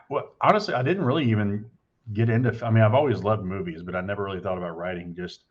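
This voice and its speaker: A man from with a low, deep voice, coming through slightly muffled call audio. He talks in a relaxed, humble way, like a country boy telling his story. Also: fast. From Kentucky, USA. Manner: humble, easygoing, self-described country boy. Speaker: guest, writer and producer. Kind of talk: casual interview answers.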